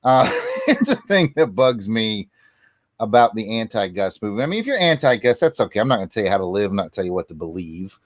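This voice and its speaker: A man co-hosting a casual sports show, talking as a passionate fan in an emphatic, deliberate way with drawn-out stresses. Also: lowish voice, big pitch swings, dry recording, clean studio sound. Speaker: sports podcast co-host. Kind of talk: casual fan talk and ranting about college football.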